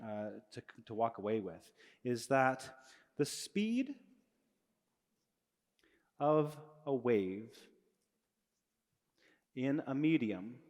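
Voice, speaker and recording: The long reverb of a large hall surrounds a middle-aged man lecturing on physics to students via a handheld microphone. His mid-range, darkish voice is sing-song and extremely slow with long pauses, and he explains casually, correcting himself as he proceeds.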